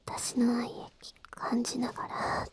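A woman's voice: on the high side, monotone, slow. A woman playing a teasing, bashful young lover in a whispered role-play, murmuring intimate pillow talk up close. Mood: intimate, coaxing.

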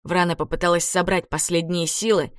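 A woman reading a children's adventure story aloud as narrator, in a dramatic, expressive way. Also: on the low side, a little fast, dry recording, studio quality. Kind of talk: audiobook narration.

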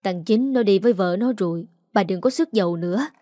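A woman's voice: mid-range voice, a little fast, no echo, clean studio sound, lightly acted. A woman voicing an older village man whose voice is choked with grief. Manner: choked, gentle.

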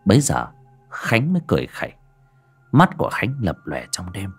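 A man reads a spooky story aloud in a fairly low voice that swings widely in pitch as he dramatizes each scene. Faint music plays quietly behind the narration. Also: huge pitch swings, normal speed, slightly rough. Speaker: audiobook narrator. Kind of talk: scripted horror story narration.

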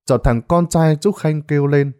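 A man's voice: fairly high pitch, normal speed, warm tone, clear, resonant tone. A man reading a ghost story aloud in a dramatic storytelling manner. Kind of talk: scripted narration.

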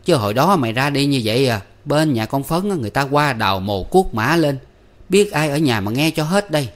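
Here the storyteller, a man, voices a scolding middle-aged village mother who chides and nags in sharp, rapid bursts. The voice is high-pitched, loud and expressive yet close to an everyday voice, in the style of a storybook reading.

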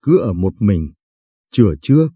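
A man's voice: lowish voice, big pitch swings, normal speed, mellow, slightly rough, dry recording. A man reading as a tough foul-mouthed young woman. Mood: scolding. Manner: coarse, threatening, bossy. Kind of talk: audiobook reading.

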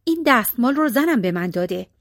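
A woman's voice: a little high, big pitch swings, no echo, studio quality. A woman reading the lines of a brave, dutiful young archer in a folk tale. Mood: earnest.

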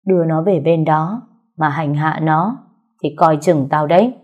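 A woman's voice: low-pitched, unhurried, highs cut off. A woman voicing a blunt, protective old grandmother who speaks sternly. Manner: stern, scolding.

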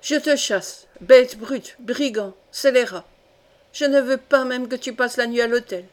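A woman's voice: mid-range voice, fairly even intonation, moderate pace, natural voice. A woman reading aloud voices a proud young count who hurls haughty insults in a fury. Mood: furious.

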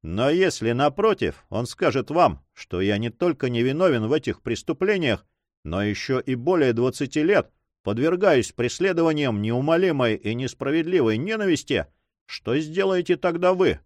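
A man's voice: medium pitch, sing-song, normal speed, no room sound, pitched above the performer's own voice, natural voice. A man reading as a stern commanding nobleman. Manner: commanding, solemn.

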